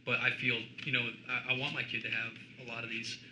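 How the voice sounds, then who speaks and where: Man, podcast host, fast casual talk, fillers, roomy echo, clear noise behind. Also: medium pitch, flat delivery. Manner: quick, hesitant with fillers. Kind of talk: casual chat.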